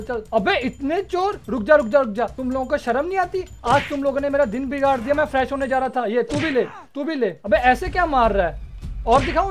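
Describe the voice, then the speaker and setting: A man giving comic, playful commentary while playing a game, bantering with the characters on screen. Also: extremely high pitch. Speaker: gaming YouTuber.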